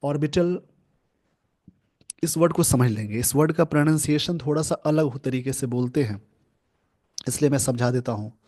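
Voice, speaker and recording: Slow, patient male English teacher. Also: medium pitch, dark tone. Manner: slow, repetitive explaining, mixing English terms into Hindi. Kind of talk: newspaper grammar lesson.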